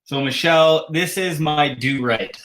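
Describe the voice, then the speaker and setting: A man's voice: fairly high pitch, measured pace, fairly bright tone. A Canadian man with a slight lisp, hosting a casual livestream chat and rambling with frequent chuckles. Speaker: host.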